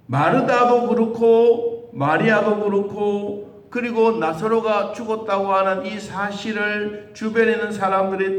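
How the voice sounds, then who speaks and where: A man preaching a sermon as pastor, asking rhetorical questions and acting out the voices he quotes. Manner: animated, with sudden high jumps in pitch and rhetorical questions. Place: church sanctuary. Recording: echoey church hall.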